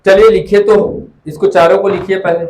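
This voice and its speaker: A man's voice: high voice, little pitch movement, a little fast, a little mellow, slight background noise, poor audio. A man teaching a classroom lecture, repeating memory tricks and calling students "beta".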